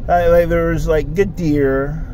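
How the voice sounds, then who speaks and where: A man's voice: fairly high pitch, fairly even intonation, slow, dark tone. A man with a Caribbean accent from Barbados, chatting casually as a local host. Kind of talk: casual chat. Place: inside a car on a road at night. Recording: noisy car interior with road noise.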